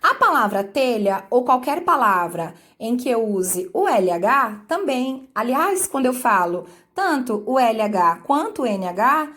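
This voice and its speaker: A woman teacher with a Brazilian Portuguese accent explaining a grammar lesson to her students. She stretches example words out slowly and keeps checking that they follow along. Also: fairly high pitch, big pitch swings, fairly bright tone. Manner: slow, drawn-out sounding of example words. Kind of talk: online class explanation.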